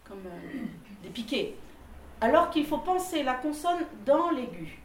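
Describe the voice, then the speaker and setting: Leading a vocal workshop for a group of singers, a woman explains technique with plenty of laughs and short sung demonstrations, keeping things lively. She has a high voice and speaks a little slowly. It's captured from a distance in an echoey room with slight background noise.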